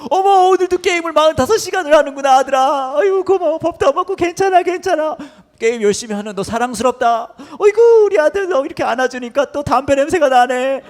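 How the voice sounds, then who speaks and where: A man's voice: very high voice, expressive, fast, few pauses, voice pushed up. A man voicing a middle-aged pastor father who gushes over his lazy son in exaggerated baby talk. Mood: gushing. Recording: long hall reverb.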